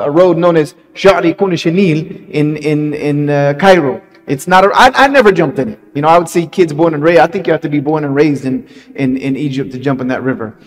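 A man with a fairly high voice delivers a Friday sermon, telling a story with lively emphasis. He repeats phrases and poses questions to the congregation.

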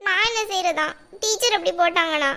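A woman's voice: very high voice, fast talker, bright, forceful tone, full character voice. A woman voicing a frightened, pleading younger schoolgirl sister in a cartoon, with a Tamil accent. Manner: whiny, pleading. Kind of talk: cartoon voice acting.

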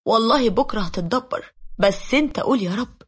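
A woman with an Egyptian accent voicing a calm male friend who keeps reassuring, in a lowered voice. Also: a little fast, slightly rough. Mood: soothing.

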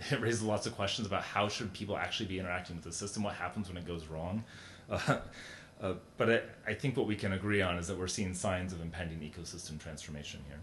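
A middle-aged man delivers a conference keynote in a large hall, talking conversationally and tripping over fillers and restarts. His voice sits low, and the room lends a roomy echo over a faint rumble underneath. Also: fast talker, fairly bright tone. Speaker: keynote speaker.

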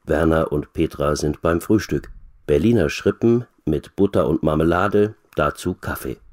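Man, very low voice, reading aloud, slow and clear. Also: darkish tone. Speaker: reader. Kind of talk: reading a graded reader aloud.

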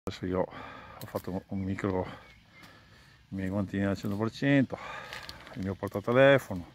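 A motovlogger with a low voice chats casually to his viewers at a moderate pace, rambling and repeating phrases as he sits on and stands beside his motorcycle outdoors. A helmet action camera records him, picking up road and engine noise.

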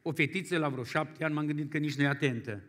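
A male pastor preaching a folksy storytelling sermon, moving from quiet asides to loud exclamations. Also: on the high side. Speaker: guest pastor.

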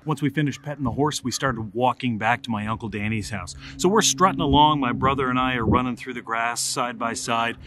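Animated middle-aged storyteller. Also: male voice, medium pitch, a little fast, few pauses, noisy background. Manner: animated, comic, builds to excited outbursts. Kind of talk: casual spoken storytelling.

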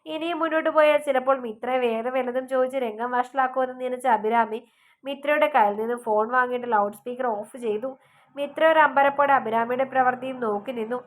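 A woman's voice: sits high, fast talker. Woman reading a story aloud. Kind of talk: scripted narration of a love story.

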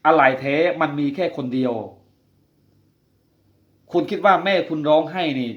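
A man's voice: fairly high pitch, a little slow. A man hosting a talk about quitting gambling, telling a personal story in an earnest, confiding way and putting direct questions to the listener. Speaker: podcast host speaking on quitting gambling. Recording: roomy, dull lo-fi sound.

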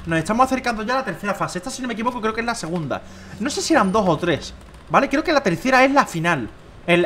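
A young man with a Spain Spanish accent, chatting slangily through his own gameplay, rambling and swinging between excited shouts and low muttering. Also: slight background noise. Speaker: gameplay streamer. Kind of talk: casual gameplay commentary.

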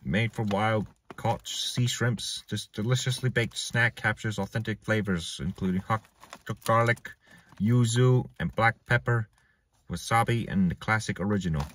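Slow-talking low-voiced man munching crunchy chips. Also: a bit bright. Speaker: snack review co-host. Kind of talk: casual food review chat, crude joking. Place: inside a parked car. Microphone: camera on dashboard, a little away. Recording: slightly distant, faint noise, bag crinkling.

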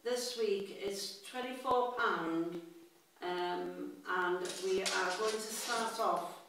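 A woman calling out bingo numbers in a deliberate, formulaic way, with set rhyming phrases. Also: mid-range voice, fairly bright tone, slight background noise. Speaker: bingo caller. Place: indoor room with bookshelves. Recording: echoey room, distant from the mic.

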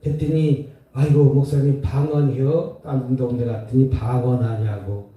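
A man's voice: mid-range voice, flat delivery, a little slow, mellow. A man preaching a revival sermon as pastor, with call-and-response and repeated phrases. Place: prayer retreat center hall. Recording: echoey hall, voice from far off.

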